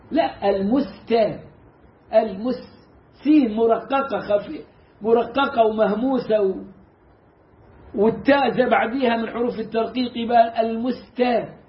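High-voiced Egyptian man teaching recitation. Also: roomy sound, lo-fi sound. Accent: Egyptian Arabic. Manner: animated, mimics mispronunciations and demonstrates slow recitation. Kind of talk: casual lesson.

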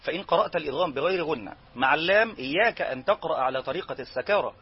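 Egyptian man, recitation teacher, husky higher voice, muffled lo-fi sound. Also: animated. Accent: Egyptian Arabic. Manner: explains rules, then chants example verses slowly. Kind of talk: tajweed lesson.

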